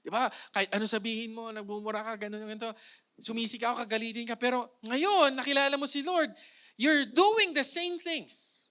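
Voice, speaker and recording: A man's voice: high-pitched, pushed and bright. A young man with a Filipino accent preaching a playful, conversational sermon, mixing in jokes and rhetorical questions to the congregation.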